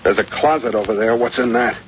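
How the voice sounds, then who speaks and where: Laconic captain male actor, 1940s radio serial: steady, dry humour, mid-range voice, dull faintly noisy vintage sound. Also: medium pitch, fast talker, lightly acted. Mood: dry suspicion. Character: calm, dry-witted adventurer captain, unflappable hero. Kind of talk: 1940s radio adventure acting.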